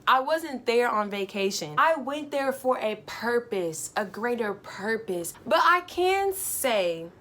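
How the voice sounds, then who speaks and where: A young woman vlogger telling a casual, animated travel story, full of fillers. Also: a little high, slow.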